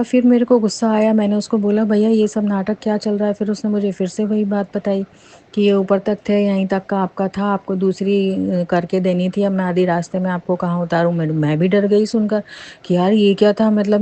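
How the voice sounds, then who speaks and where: A middle-aged woman earnestly recounting a personal experience as a devotee's testimony, growing animated as she recalls her fear. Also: medium pitch.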